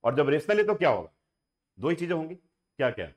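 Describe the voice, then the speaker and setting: Lively maths teacher quizzing class. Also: male voice, fairly high pitch, a little fast. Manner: asks the class questions and repeats points. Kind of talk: classroom lecture mixing Hindi and English. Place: classroom with students and online viewers.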